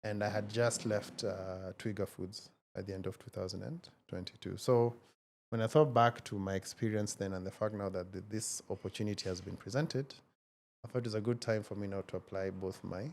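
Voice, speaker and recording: A man in his forties with a low, gravelly voice talks through his story at a measured, thoughtful pace. He pauses often to find his words, and a faint hiss of noise sits under the recording. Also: steady tone, a little mellow. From Kenya. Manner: measured and reflective, many hesitations. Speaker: guest, tech founder. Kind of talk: casual interview conversation.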